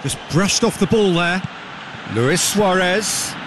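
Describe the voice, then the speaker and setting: A man giving play-by-play football commentary for a video game, rising to shouts on chances. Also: high-pitched, slow. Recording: studio voice over loud crowd noise.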